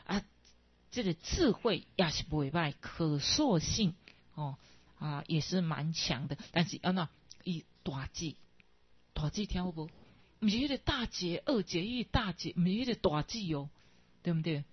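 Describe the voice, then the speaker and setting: Taiwanese lady teacher doing a buddhist talk, low husky voice, dull dry lo-fi sound. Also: animated, normal speed, no echo. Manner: digressive, mixes in Hokkien, frequent tag particles.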